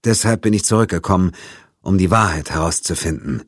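A man's voice: low-pitched, fairly quick, husky, no echo, clean studio sound. A man voicing a composed female FBI agent who speaks in a level, matter-of-fact way, in an audiobook. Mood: calm. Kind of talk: audiobook character voice.

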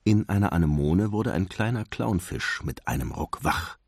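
A man reading a children's storybook aloud in an expressive, lilting way. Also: low-pitched, moderate pace, husky, no room sound, studio quality.

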